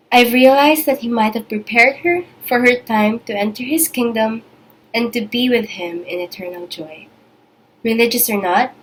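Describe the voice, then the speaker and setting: Young woman, fairly high voice, tender earnest eulogy, measured phrasing, background noise. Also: rough recording. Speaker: daughter giving a eulogy. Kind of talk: prepared eulogy speech.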